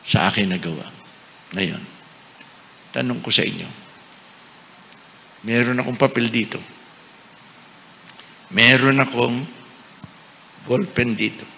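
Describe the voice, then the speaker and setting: An older man, a bishop, giving a lively sermon to a congregation, asking them questions and acting out other voices. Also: medium pitch, slow pace, creaky, long pauses, a little hiss or hum. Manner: animated, asks the crowd questions, acts out voices. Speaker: bishop preaching. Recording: long hall reverb.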